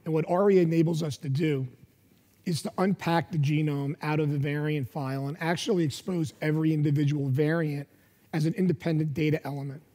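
A man in his fifties speaking as a panelist at a conference, halting with many fillers, on a headset mic in a large hall. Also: on the high side, steady tone, dark tone. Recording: long hall reverb.

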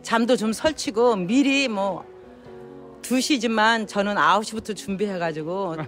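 A woman's voice: medium pitch, measured pace, fairly bright tone, faint music behind. A woman in her sixties speaking casually as an interview guest, sharing personal testimony into a handheld phone indoors. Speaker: interview guest, church member. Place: indoor hotel lobby lounge. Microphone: phone held near the mouth by interviewer.

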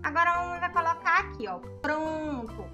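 A woman's voice: high-pitched, expressive, brisk, lo-fi sound, music in the background. A woman voicing a young mother in a storybook role-play, cooing sing-song baby talk at her infant. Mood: doting, fussing. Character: young mother, proud then tender, doting.

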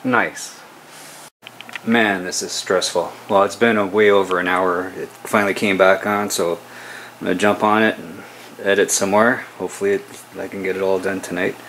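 A man's voice: sits low, level tone, normal speed, fairly bright tone, a little hiss or hum, poor audio. A man in his thirties casually vlogging at home, chatty and a bit grumbly. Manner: laid-back, chatty, mildly grumbling. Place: home kitchen and living room. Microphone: camera mic.

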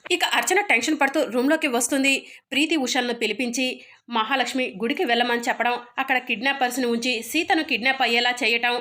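A woman narrating a recap of a TV serial episode, telling it quickly and briefly voicing the characters' lines. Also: on the high side. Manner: quick, lively retelling that slips into the characters' lines. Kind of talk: storytelling recap with voiced dialogue.

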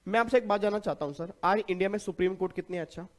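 A man giving a tax class, lively, asking his students questions and answering them himself. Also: high voice, racing. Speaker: tax lecturer. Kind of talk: classroom lecture.

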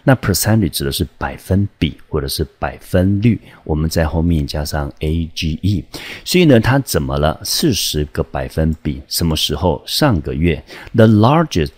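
Very deep husky male teacher. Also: darkish tone, no echo. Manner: patient, repeats key points for students. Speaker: high school English teacher. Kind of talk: exam lesson explaining vocabulary.

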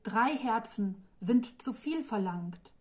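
A woman's voice: fairly high pitch, lively intonation, slow, a little mellow. A woman reading the part of a timid young dragon woman with a thin, hesitant voice. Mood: pleading.

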